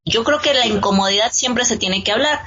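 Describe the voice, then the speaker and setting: Co-host, female, Mexican Spanish accent, bright tense tone, rambling casual talk, muffled audio. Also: a little high, a little fast. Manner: thinks aloud with many fillers and restarts, tags with ¿no?. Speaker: podcast co-host. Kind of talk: casual conversation.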